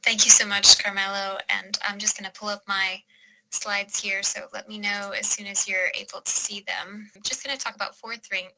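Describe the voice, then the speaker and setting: A woman's voice: medium pitch, level tone, normal speed, noisy background. A woman giving a structured slide presentation as a presenter on an online call.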